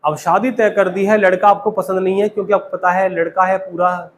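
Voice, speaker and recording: High-voiced teacher quizzing a class. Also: male voice, little pitch movement, fairly quick, slight background noise, rough recording. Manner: quizzing students with repeated questions. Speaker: spoken English teacher. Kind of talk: classroom grammar lesson.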